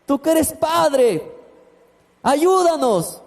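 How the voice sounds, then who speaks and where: A man's voice: extremely high pitch, big pitch swings, drawn-out words, voice pushed up, full character voice. A man voicing a panicked woman neighbor who pleads shrilly for help, with long reverb from the hall. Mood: pleading.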